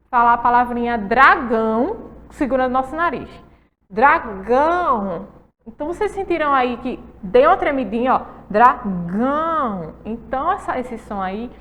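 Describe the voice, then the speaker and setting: A woman teacher giving a lesson to young children, speaking slowly, asking them questions and repeating words for them. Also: fairly high pitch, a bit bright, long reverb tail. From Brazil. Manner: slow, coaxing, asks kids questions and repeats words.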